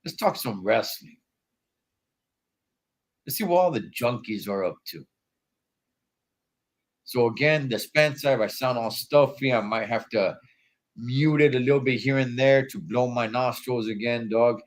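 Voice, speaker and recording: A man stuffy-nosed from allergies runs a casual wrestling livestream from his hotel room, speaking at medium pitch and a measured pace with frequent pauses. His talk is relaxed and slangy, and he addresses viewers as "dog" and "Holmes."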